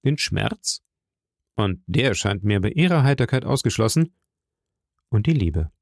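A man voicing a calm, powerful count who speaks softly and measuredly. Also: lowish voice, gravelly, no room sound, studio quality, full character voice. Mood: gentle. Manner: soft, measured, gently smiling. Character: calm, powerful middle-aged count, gentle and mysterious.

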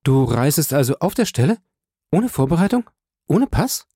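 Guy putting on a teary young woman, high and begging, mellow dry sound. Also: expressive, moderate pace, husky, no echo. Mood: pleading. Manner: pleading, exclaiming questions. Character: distraught young woman, pleading and tearful. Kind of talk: audiobook character voice.

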